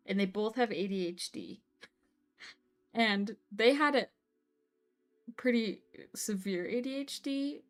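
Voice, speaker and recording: A woman's voice: mid-range voice, a bit bright. A young woman live-streaming a building game, chatting casually with her viewers in a bubbly, exclamatory way. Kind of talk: casual live-stream chat while playing.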